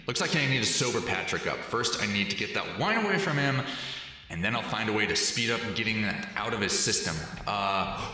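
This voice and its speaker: A man's voice: lowish voice, animated, fairly quick, pushed and bright, echoey room. A young man giving jokey, swearing let's-play commentary on a party game, teasing in mock bro talk. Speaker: gaming channel host.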